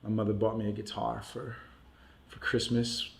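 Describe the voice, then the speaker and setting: A man's voice: lowish voice, monotone, normal speed, vocal fry. Laid-back man chatting in a roomy echo. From Puerto Rico, raised in New York. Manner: laid-back, laughs often, many "like" and "you know" fillers. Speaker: podcast guest. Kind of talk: casual interview chat.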